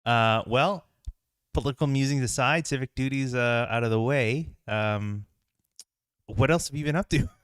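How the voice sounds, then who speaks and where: A man at medium pitch, slightly bright and clean in tone, co-hosts a podcast at a moderate pace. He rambles casually with plenty of fillers and restarts, captured in a dry, studio-quality recording.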